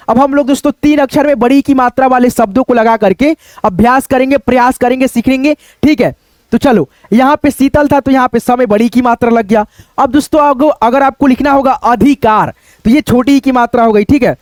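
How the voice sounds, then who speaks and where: High-voiced man teaching spelling slowly. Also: a little mellow, dry recording. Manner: repeats each word slowly, often asks "ठीक है?". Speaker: Hindi writing teacher. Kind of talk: step-by-step spelling lesson.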